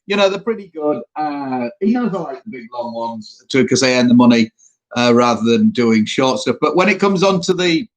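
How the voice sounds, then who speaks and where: A man with a broad Yorkshire accent rambles through viewer questions on a live stream. His voice sits at an ordinary middle pitch. He talks in a loose, casual way. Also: expressive, moderate pace. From Yorkshire, England. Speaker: truck driver hosting a live Q&A.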